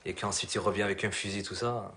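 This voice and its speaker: A man's voice: low-pitched, fairly even intonation, fast. A young man, a rapper, talking casually in an interview in slangy speech.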